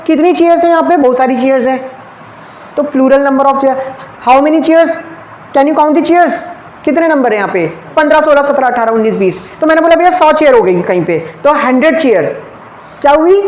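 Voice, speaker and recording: A man teaching an exam-prep grammar lesson in a classroom, asking questions and answering them himself and checking often whether the class has understood. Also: extremely high pitch. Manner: checks often with "clear?" and "okay". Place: classroom with ceiling fans. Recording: echoey room, faint background hum.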